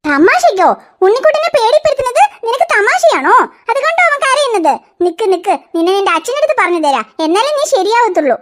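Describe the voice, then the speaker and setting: A woman's voice: extremely high pitch, big pitch swings, fast talker. A woman voicing a fussing cartoon mother who scolds in an exasperated way. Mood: complaining. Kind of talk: cartoon voice acting.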